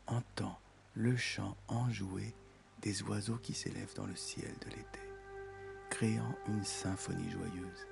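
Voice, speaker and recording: A man guiding a meditation in a soft, soothing, intimate voice, as if speaking right into your ear. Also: fairly low pitch, steady tone, slow pace, gravelly. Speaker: meditation guide. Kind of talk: guided meditation. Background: music.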